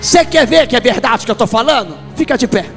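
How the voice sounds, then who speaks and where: A Brazilian pastor, preaching prophetically, shouting and repeating phrases for others to echo. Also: male voice, extremely high pitch, lively intonation, quick pace, soft background music.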